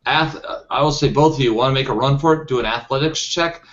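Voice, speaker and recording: A man acting as game master in a tabletop role-playing game, thinking aloud as he goes, with frequent pauses and restarts. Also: medium pitch, a bit bright. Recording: dull lo-fi sound.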